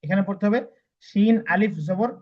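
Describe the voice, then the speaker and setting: A man teaching Quran reading, spelling out each word slowly letter by letter and repeating it before explaining the rules. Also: high voice, fairly even intonation, highs cut off. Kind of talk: spelling-out recitation lesson.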